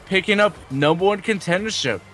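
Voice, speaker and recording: A man working as a wrestling commentator, giving excited play-by-play and drawing out his calls of big moves. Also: high voice, a little fast, faint music behind.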